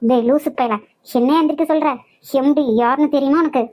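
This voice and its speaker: A woman with a Nagercoil Tamil accent voicing a feisty young woman in a cartoon, loud and quick-tongued. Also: sits high, fairly even intonation, natural voice, poor audio. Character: feisty young woman job-seeker, brash and fearless. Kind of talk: cartoon voice acting.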